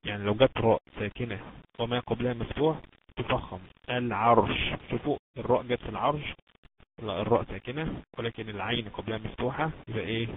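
Man teaching tajweed over a tinny line. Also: medium pitch. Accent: Egyptian Arabic. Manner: patient, repetitive drilling with slow stretched example words. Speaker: Quran recitation teacher. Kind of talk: online tajweed lesson. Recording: tinny phone-like line with background noise.

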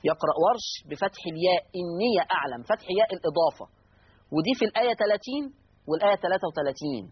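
A man with an Egyptian accent teaching Quran recitation rules, repeating each rule and slowly drawing out the verse words he recites. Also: high voice, breathy edge, muffled recording. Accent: Egyptian Arabic. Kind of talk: explanatory lesson on Quran reading rules.

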